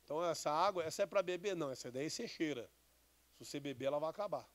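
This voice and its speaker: A man's voice: on the high side, animated, fast talker. A man, a bishop giving a conversational sermon with Bible readings and questions to the congregation. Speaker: bishop preaching.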